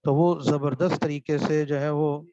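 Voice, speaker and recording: A man's voice: a little high, little pitch movement, dark tone, no room sound. Man lecturing, asks and answers. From Pakistan. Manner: asks questions and answers them himself, repeats key terms. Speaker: seminary teacher. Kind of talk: classroom lecture on Quran recitation. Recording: dull dry lo-fi recording.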